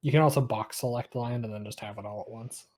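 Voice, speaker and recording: A man's voice: mid-range voice, fairly even intonation, fast, a little mellow. A man watching a card game and chiming in with rules tips and corrections in casual chat. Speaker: onlooker advising players.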